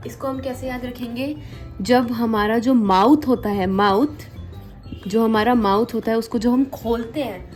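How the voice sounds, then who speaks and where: Patient female tutor, slow repetitive delivery, light music bed. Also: a little high, darkish tone. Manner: slow, repetitive, spells out sounds and mnemonics. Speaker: language teacher. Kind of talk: Korean alphabet lesson.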